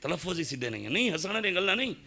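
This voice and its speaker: A man's voice: high voice, big pitch swings, creaky, bright, forceful tone. A man with a Punjabi accent preaching a sermon in an impassioned way, firing rhetorical questions at his listeners. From Pakistan.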